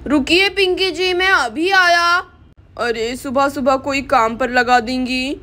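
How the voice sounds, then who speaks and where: A woman voicing a grumbling, put-upon grown man in a doll story, his voice pushed lower than her own. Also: a little slow, pushed and bright. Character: adult man, grumbling sleepy husband.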